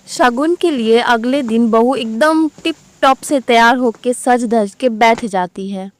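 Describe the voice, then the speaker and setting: A woman's voice: a little high, dry recording. A woman narrating a cartoon moral story in a plain storybook manner.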